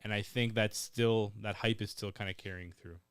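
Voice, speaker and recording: A man co-hosting a casual football podcast who argues his points in a measured way, often hedging with "I think". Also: fairly low pitch, steady tone, clear, resonant tone, no echo. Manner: measured, reasoning, hedges with "I think". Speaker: podcast co-host.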